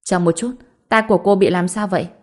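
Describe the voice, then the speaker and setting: A woman's voice: on the low side, fairly even intonation, fast, natural voice. A woman voicing an anxious, capable scholar who questions urgently in a storybook reading.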